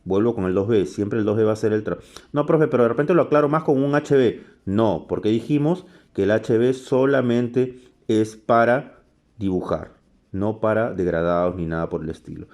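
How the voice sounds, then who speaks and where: A man teaching a drawing lesson while he sketches, chatty and relaxed, often checking in with "ok?" and correcting himself. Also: on the low side. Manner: chatty, frequent "¿ok?" and self-corrections.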